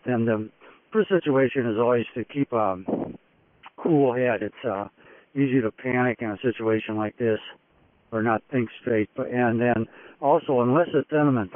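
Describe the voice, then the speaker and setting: A man giving an unscripted first-person expedition report, telling it in a halting, matter-of-fact way in short phrases. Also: medium pitch, no room sound. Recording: dull radio-like phone link, dry.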